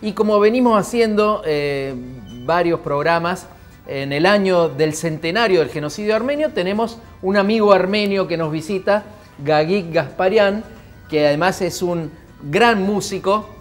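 A middle-aged man with an Argentine accent hosting a TV studio interview, asking questions briskly on a lapel mic. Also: high voice, faint music behind. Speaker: host.

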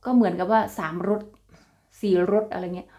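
A woman's voice: on the low side, fairly even intonation, fairly quick, a little mellow. A young woman with an Isan accent chatting casually to her viewers in a vlog, laughing often and calling them brothers and sisters. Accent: Isan (Northeastern Thai). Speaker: vlogger.

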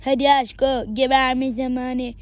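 A woman's voice: sits high, flat delivery, a little slow, no room sound. A woman voicing a defiant, dramatic character who dares someone to shoot, in an amateur impression. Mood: defiant taunting. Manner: loud, theatrical, taunting.

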